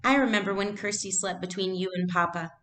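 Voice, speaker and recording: A woman voicing a thoughtful young elder sister from a storybook, earnest and lively, sometimes sarcastic. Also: medium pitch, fairly quick, roomy sound, slight background noise, voice pushed up, lightly acted. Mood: fond.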